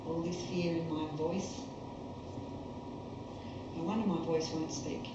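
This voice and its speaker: Echoey woman guiding slow, repeated tapping phrases. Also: low voice, steady tone. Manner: repeats short phrases, pausing between them. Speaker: EFT tapping practitioner leading a session. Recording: very echoey, noisy, dull room recording.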